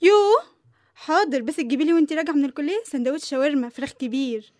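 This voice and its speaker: A woman with an Egyptian accent playing a cheeky, whiny youngest sister, close and dry over soft music. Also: sits high, racing, dry recording, lightly acted. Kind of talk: radio drama acting.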